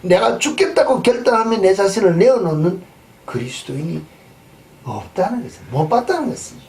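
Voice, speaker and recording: A male pastor preaching a sermon and telling a story, swinging between loud emphatic bursts and quiet asides. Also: high voice, lively intonation, a little fast. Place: church sanctuary. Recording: distant mic with faint background noise.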